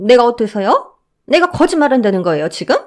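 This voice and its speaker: A woman voicing a brash middle-aged mother-in-law who shouts haughtily in a shrill voice. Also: wildly swooping pitch, moderate pace. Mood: offended.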